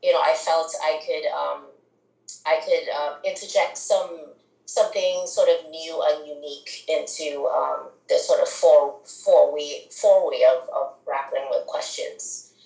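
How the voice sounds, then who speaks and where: A middle-aged woman from Trinidad, a philosophy professor, talks reflectively in an interview, with many pauses and restarts. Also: low-pitched, fairly even intonation, creaky, dark tone, roomy sound, poor audio. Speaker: guest author, philosophy professor. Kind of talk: academic interview conversation.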